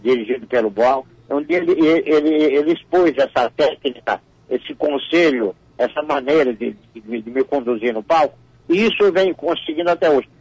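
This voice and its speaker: A man's voice: mid-range voice, normal speed, darkish tone, slightly rough, no room sound. An older man, a comedian, talking in a radio interview and often repeating words as he restarts. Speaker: comedian guest. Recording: muffled radio audio.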